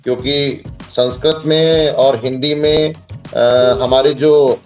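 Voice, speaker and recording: A man speaks in an ordinary mid-range voice as a podcast guest. He talks in a measured way, pausing with fillers as he explains, and recites long Sanskrit verses steadily. Faint music plays quietly behind him. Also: medium pitch, fairly even intonation. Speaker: guest, astrologer and tantra practitioner. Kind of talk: podcast interview, devotional explanation.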